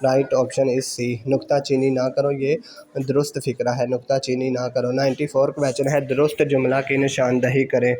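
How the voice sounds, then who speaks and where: A man's voice: mid-range voice, level tone, dark tone. A man teaching exam preparation, reading out quiz questions and repeating each answer several times for students to note down, with English exam terms mixed in. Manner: mixes English exam terms into his speech.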